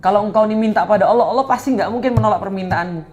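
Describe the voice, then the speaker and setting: A man voicing a concerned wife who gently urges her sick husband. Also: high-pitched, very fast, slight background noise, lightly acted. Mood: coaxing. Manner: coaxing, urging.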